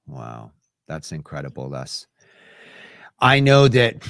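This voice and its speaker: A man hosting an interview, asking measured questions and murmuring agreement. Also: extremely low pitch, wildly swooping pitch, creaky, a bit bright, no room sound, studio quality. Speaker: interview host. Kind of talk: conversational interview.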